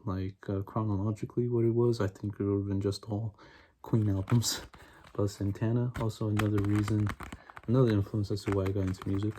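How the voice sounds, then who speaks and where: Young adult male for fast, aggressive ASMR ramble: dark, soft-edged voice, enthusiastic wandering delivery, faint noise and tapping. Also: fairly low pitch, level tone. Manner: casual, rambling, repetitive enthusiasm with frequent "like" and "honestly". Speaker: ASMR video creator. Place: small bedroom, indoors. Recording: noisy room, clicking and tapping. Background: tapping and clicking on CD cases.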